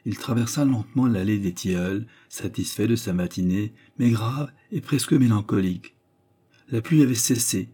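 Guy reading a novel aloud, low dark voice, bit husky. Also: normal speed. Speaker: audiobook narrator. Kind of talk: scripted narration of a novel.

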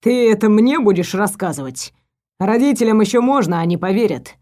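Give me a woman playing a furious young stepbrother, low and sneering. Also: lively intonation, brisk, dark tone, natural voice. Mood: mocking. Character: angry young male stepbrother, menacing.

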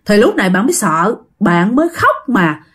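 A woman's voice: mid-range voice, moderate pace, breathy edge. A woman with a Southern Vietnamese accent, casually narrating a ghost story and speaking straight to her listeners with dramatic emphasis. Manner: animated, addresses listeners directly, dramatic emphasis.

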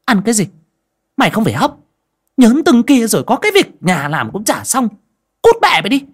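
A man voicing a cruel, abusive village woman in an audio story, with a shrill, screeching way of cursing. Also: huge pitch swings, a little fast, slightly rough, exaggerated voice. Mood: furious. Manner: snarling, hurls curses.

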